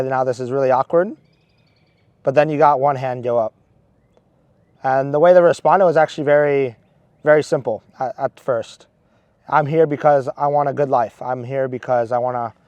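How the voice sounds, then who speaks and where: A man's voice: mid-range voice, a little mellow, no echo. A man in his twenties from Maryland, a seminarian earnestly telling a story with many restarts. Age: 20s. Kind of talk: casual storytelling.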